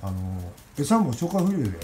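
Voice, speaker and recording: Man with a lively voice coaxing a pigeon. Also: medium pitch, normal speed, slight background noise. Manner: rough casual speech, coaxing and scolding the bird. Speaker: pigeon keeper. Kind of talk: casual talk to camera and to a pet bird.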